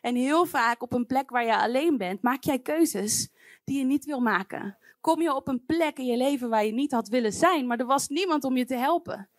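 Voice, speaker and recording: High-voiced woman preaching a heartfelt sermon. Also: expressive, moderate pace, no echo, clean studio sound. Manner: earnest, pleading, addresses the congregation directly.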